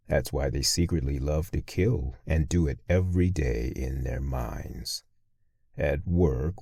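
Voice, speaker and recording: Male horror narrator, very low and husky, slow, menacing, dry close recording. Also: warm tone, no echo. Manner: brooding, menacing. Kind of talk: first-person horror story narration.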